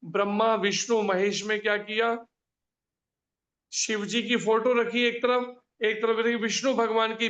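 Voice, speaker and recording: A spiritual teacher with a high voice and fairly bright tone leads a scripture class over a video call. He works through each question using everyday examples and short anecdotes. The online call audio sounds muffled and dull.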